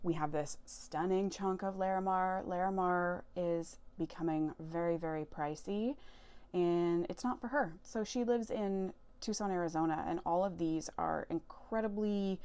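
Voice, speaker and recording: A woman's voice: lowish voice, a little slow, a little mellow, clean tone. A woman chatting casually as she shows off a haul of crystals, enthusiastic and prone to correcting herself. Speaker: tarot and crystal vlogger. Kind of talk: casual show-and-tell haul.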